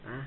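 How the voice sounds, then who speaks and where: A man trash-talking rivals in an online voice chat room, mocking them and barking short orders. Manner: taunting and bossy, repeatedly barking short orders and "ha?". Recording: tinny voice-chat line with faint hiss.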